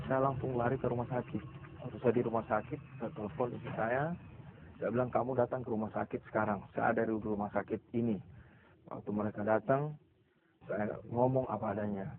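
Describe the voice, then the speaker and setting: A middle-aged man giving an earnest, confessional personal testimony in an interview. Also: lowish voice. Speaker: testimony speaker. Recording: tinny phone-like sound.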